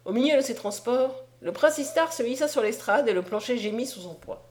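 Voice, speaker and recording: A woman narrating a literary novel in a clear, even reading voice. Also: on the high side, a little fast. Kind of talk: audiobook narration.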